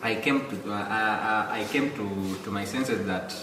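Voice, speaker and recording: A man's voice: fairly low pitch, normal speed. A Kenyan man, a religious education teacher, answering interview questions hesitantly and often repeating words as he searches for them. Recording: echoey room, far mic, background noise.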